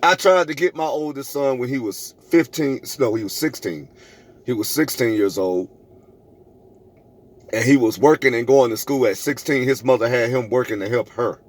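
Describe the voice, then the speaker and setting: An emphatic middle-aged man vlogs a personal story to camera at a moderate pace in a mid-range voice. He's preachy, repeats phrases for effect, and animatedly re-enacts arguments.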